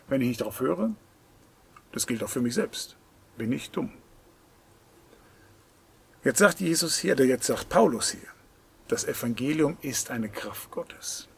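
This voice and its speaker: A man preaching a sermon in an earnest, insistent way, swinging between loud emphatic lines and hushed near-whispers. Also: mid-range voice, creaky, husky.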